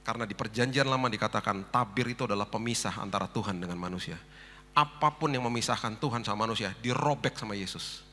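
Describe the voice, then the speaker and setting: A man with an Indonesian accent preaching a conversational sermon in a church hall, switching between soft, low asides and sudden loud, high rises. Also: quick pace. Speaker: pastor. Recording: long church hall reverb.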